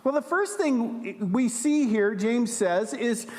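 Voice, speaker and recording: High-voiced man preaching unhurriedly in a church. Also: lively intonation, slow, a little mellow. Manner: conversational teaching, checks in with the congregation. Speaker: pastor. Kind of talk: sermon. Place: church sanctuary. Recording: reverberant church hall.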